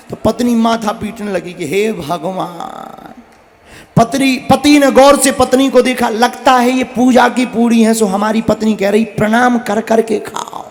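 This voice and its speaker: A male preacher telling a joking village story in a folksy, emphatic sermon. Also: very high-pitched. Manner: folksy, joking, slow and emphatic, bursts into chanted verse. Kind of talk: humorous devotional storytelling sermon. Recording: long reverb in a large hall, faint music.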